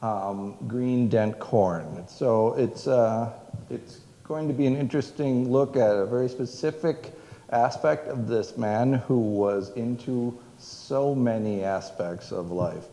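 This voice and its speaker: A man with a warm mid-range voice speaks slowly to an audience in a museum event room. He is the museum director giving a public history talk that meanders with many fillers and restarts, echoing through the hall with long reverb.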